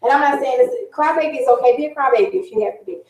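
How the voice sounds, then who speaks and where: A woman's voice: high voice, racing, gravelly, darkish tone, echoey room, recorded from a distance, rough recording. A middle-aged woman hosting a talk show, talking earnestly and confidingly in a casual monologue, often circling back and repeating herself.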